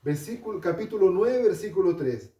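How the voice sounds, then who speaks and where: Man preaching a sermon, higher voice, mellow tone; heard from a distance in a roomy hall. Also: lively intonation, moderate pace. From Chile. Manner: storytelling, asks the congregation questions. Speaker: pastor. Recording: echoey hall, distant mic.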